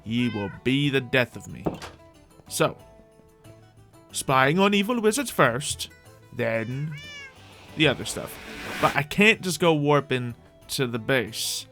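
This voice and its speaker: Speaking slowly in a mid-range, slightly bright voice with big swings in pitch, this man talks over soft background music. He's the host of a livestreamed roleplay game, chatting with viewers theatrically and rambling through fanciful in-character commentary.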